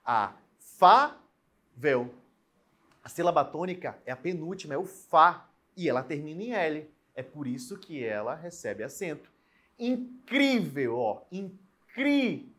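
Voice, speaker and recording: A man's voice: fairly high pitch, expressive, moderate pace, hardly any pauses, fairly bright tone, slightly rough. A man teaching a recorded grammar lesson, explaining rules step by step and checking in with his students. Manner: explanatory, repeats and stretches out example words; checks in often with "né?" and "beleza?".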